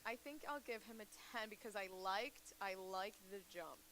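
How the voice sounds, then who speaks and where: A woman's voice: mid-range voice, moderate pace, a bit bright, slight background noise, low-quality recording. A woman co-hosting a live event with playful, casual banter. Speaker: event co-host and judge.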